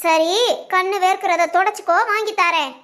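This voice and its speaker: A woman plays a caring village wife in a family drama. She coaxes and soothes in a very high, light voice. Her tone stays patient and gentle throughout. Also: fairly even intonation, moderate pace. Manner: gentle, coaxing.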